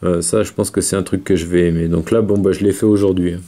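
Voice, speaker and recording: Male reviewer, low dark voice, relaxed and halting delivery. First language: French. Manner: hesitant, many fillers, talks while vaping. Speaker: vape video reviewer. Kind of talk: casual chat.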